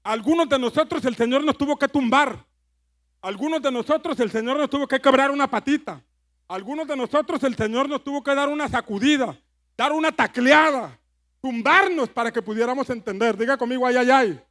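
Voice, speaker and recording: A man's voice: extremely high pitch, brisk, fairly bright tone. A man preaching a sermon with fervor, repeating his phrases and calling on the congregation to answer back. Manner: fervent, repeats phrases, leads congregation call-and-response.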